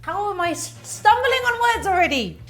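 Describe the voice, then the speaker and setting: A woman's voice: very high-pitched, sing-song, normal speed. A woman hosting a casual comic cooking demonstration in a giggly, tipsy ramble, full of silly wordplay and self-mockery. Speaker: cooking show host.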